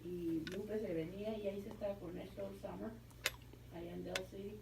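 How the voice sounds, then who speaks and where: A woman's voice: mid-range voice, steady tone, quick pace, creaky, very noisy. Woman chatting, far from the mic. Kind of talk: casual storytelling in conversation. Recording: distant from mic, overlapping chatter.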